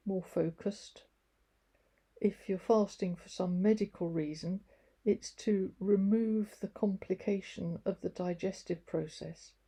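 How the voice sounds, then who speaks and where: A woman reading as calm, patient Jesus. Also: sits high, breathy edge, exaggerated voice. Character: calm, patient grown man, Jesus, explaining gently.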